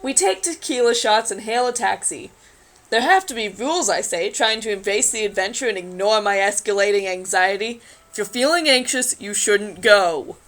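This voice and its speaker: A woman's voice: medium pitch, moderate pace, fairly bright tone, poor audio. A woman reading a magazine story aloud in a casual group chat, adding wry, sarcastic asides.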